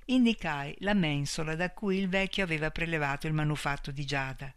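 Man narrating a story, slightly high voice. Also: a little fast, fairly bright tone, clean tone, dry recording. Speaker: audiobook narrator. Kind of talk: scripted narration.

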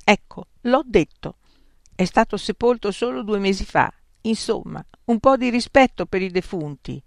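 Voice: medium pitch, animated, normal speed, gravelly, no echo, studio quality, pitched above the performer's own voice. A narrator voicing Beatrice, a gloomy heavy woman who whines and complains in a storybook reading. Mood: plaintive. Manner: whiny and complaining.

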